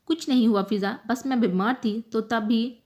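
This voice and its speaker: A young woman student who answers quietly and pleads, as a woman narrator voices her. Her voice is fairly high and subdued in this storybook reading. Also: natural voice.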